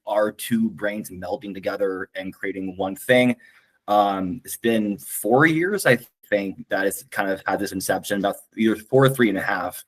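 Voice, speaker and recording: A man with a lowish voice chats on a video call. He explains things slowly and hesitantly, with plenty of "um" and "kind of". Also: poor audio. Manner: hesitant, explaining with many fillers. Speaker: co-host of the channel. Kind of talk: casual video call chat.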